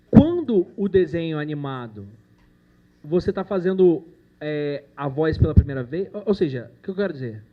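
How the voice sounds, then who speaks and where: A man's voice: high-pitched, highs cut off. A man who produces animation, giving a casual, joking talk to university students, full of slang and the odd curse. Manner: chatty, jokey, with slang and swearing. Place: university lecture room.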